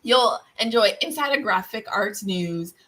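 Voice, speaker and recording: Bright chatty woman livestream host. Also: medium pitch, lively intonation, measured pace, rough recording. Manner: chatty, self-deprecating, lots of fillers. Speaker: host and guild president. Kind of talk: casual livestream chat. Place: home office with open windows.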